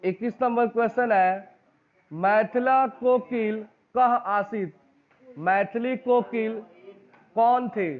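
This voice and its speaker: A man's voice: extremely high pitch, slow, long pauses. A male teacher with a Bihari Hindi accent takes a class through exam questions. He reads each question and its options, then asks the class for the answer and repeats it back. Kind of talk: exam-prep lesson, reading out quiz questions and options. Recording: tinny phone-like recording.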